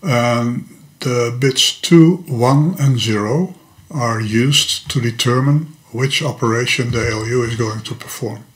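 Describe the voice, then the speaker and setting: In his electronics-filled home workshop, an older native Dutch speaker sits at his desk making a screen-recorded programming tutorial, methodically and patiently explaining a computer topic. He's a hobbyist teacher with a Dutch accent and an unhurried, medium-pitched voice who occasionally stumbles over words.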